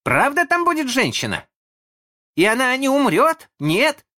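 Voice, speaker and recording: Very high shrill boy, pleading, animated melody, man voicing. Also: measured pace, full character voice. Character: excitable small boy twin.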